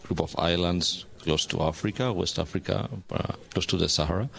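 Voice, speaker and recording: A man from Spain with a Spanish accent, speaking as a guest artist in an interview, halting and searching for words in English. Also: deep voice, gravelly, a bit bright. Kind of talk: casual interview talk.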